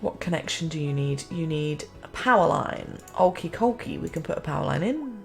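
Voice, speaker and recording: A woman's voice: sits low, lively intonation, moderate pace, creaky, faint music behind. Chatty self-mocking woman. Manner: chatty, self-mocking, talks to herself and the game. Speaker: city-building game streamer. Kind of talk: casual gameplay commentary.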